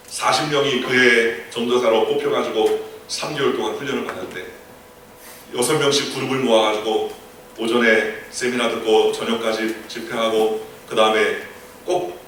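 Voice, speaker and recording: A man's voice: medium pitch, a bit bright, a little hiss or hum. A middle-aged man preaching as senior pastor, telling a story in an earnest, explanatory way in a church. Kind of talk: sermon. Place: church sanctuary. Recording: echoey hall, voice from a distant mic.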